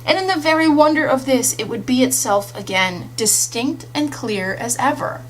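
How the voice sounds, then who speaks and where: A woman reading a classic literary story aloud as an audiobook, with expressive scripted narration. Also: sits high, normal speed, rough recording. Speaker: audiobook reader. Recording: audible hum and faint noise.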